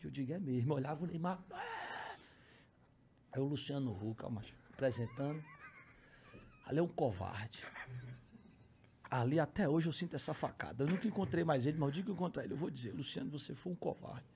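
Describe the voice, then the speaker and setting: A man with a Cearense accent, a podcast guest telling a story, acting out voices and shouting the bids. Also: a little high, expressive, fast talker, a little hiss or hum. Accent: Cearense Brazilian Portuguese. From Ceará, Brazil. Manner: acts out others' voices, shouts bids, laughs while telling. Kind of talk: animated storytelling.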